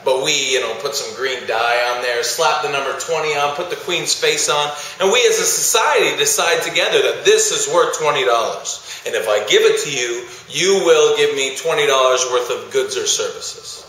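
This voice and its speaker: Male speaker, bright voice, lively storytelling, very echoey room. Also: medium pitch, moderate pace, hardly any pauses, a little hiss or hum. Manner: animated storytelling, acting out audience reactions. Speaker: speaker to student groups. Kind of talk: vlog monologue.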